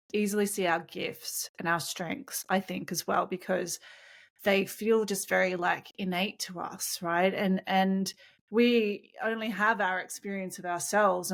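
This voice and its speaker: Woman, podcast co-host, mid-pitched voice, thoughtful, affirming, casual chat. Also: creaky. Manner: thoughtful, affirming with frequent mm-hmms.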